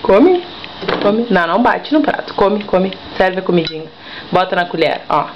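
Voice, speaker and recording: A woman's voice: lowish voice, normal speed. A young mother talking baby talk to her toddler, coaxing and repeating herself in a sing-song way. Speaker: mother feeding her child. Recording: dull lo-fi home video with faint noise.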